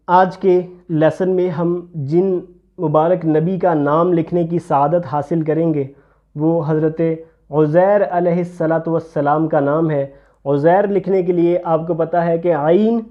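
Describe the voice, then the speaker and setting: A man teaching handwriting step by step, patiently explaining each stroke as he writes. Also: highs cut off. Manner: patient, explains while writing, drops low for "see this". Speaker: calligraphy teacher.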